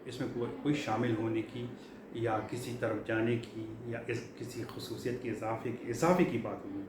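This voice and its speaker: A middle-aged man from Pakistan teaching English vocabulary in a classroom lecture style, explaining patiently and repeating key words with frequent fillers. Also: mid-range voice. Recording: echoey room, faint background hum.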